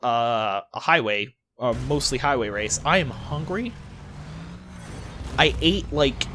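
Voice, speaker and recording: A man's voice: medium pitch, lively intonation, slow pace, noisy background. A young man rambling casually as he plays through a racing game, questioning himself and swearing now and then. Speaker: gaming channel host. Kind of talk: rambling let's-play commentary.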